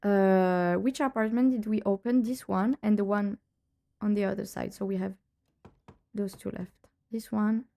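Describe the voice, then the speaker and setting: A mid-range, creaky, dark voice with a steady tone and slightly slow pace belongs to a woman with a cold, her voice lowered. She's live-streaming a detective game, chatting casually and laughing often along the way.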